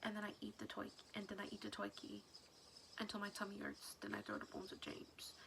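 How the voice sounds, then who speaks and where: A woman's voice: medium pitch, very animated, fairly quick, vocal fry, background noise. Greedy scrappy male cartoon cat, Brooklyn accent, singsong brag; a woman puts it on. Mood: gleeful.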